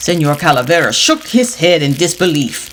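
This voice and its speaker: A woman narrating a storybook trickster tale with dramatic, deliberate emphasis. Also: sits low, big pitch swings, fairly bright tone, slight background noise.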